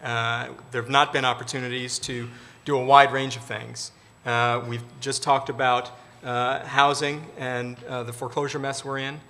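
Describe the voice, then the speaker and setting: A male government official speaks on a discussion panel. His voice is bright and forward, and he talks in a measured, formal way about policy. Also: mid-range voice, little pitch movement.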